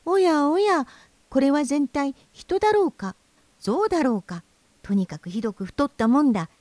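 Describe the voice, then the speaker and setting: A woman's voice: high-pitched, expressive, normal speed, a little mellow, no echo, pitched above the performer's own voice. A woman voicing a small, bemused thrush in a storybook reading, remarking in a wry, amused tone.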